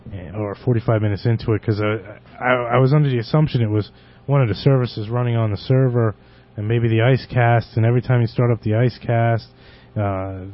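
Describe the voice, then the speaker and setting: Lowish-voiced man hosting, dull lo-fi sound. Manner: halting, rambling. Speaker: podcast host. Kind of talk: unscripted casual show talk. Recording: dull lo-fi internet radio audio.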